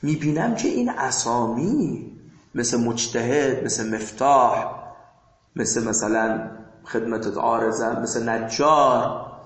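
A man teaching a class in a lecture, moving between quiet asides and emphatic rising bursts. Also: medium pitch, animated, roomy sound, poor audio. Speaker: seminary teacher.

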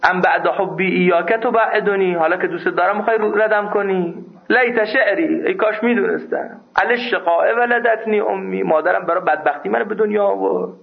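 A man's voice: sits high, vocal fry, few pauses. A man teaching a seminary class on religious law, emphatic and scolding, who raises his voice at his students. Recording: tinny phone-like recording.

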